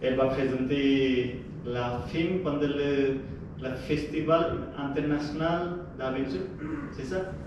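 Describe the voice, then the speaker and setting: A man with a foreign accent in French, giving an informal live presentation haltingly, repeating and searching for his words. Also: medium pitch, fairly even intonation, highs cut off. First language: not French. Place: echoey room, presenting to a group. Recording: echoey, distant, noisy room.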